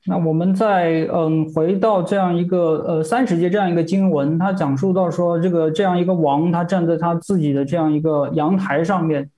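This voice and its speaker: A man's voice: on the high side, fairly even intonation, normal speed, few pauses, dark tone. A man interpreting a sermon phrase by phrase, hesitant, with many fillers and repeated words.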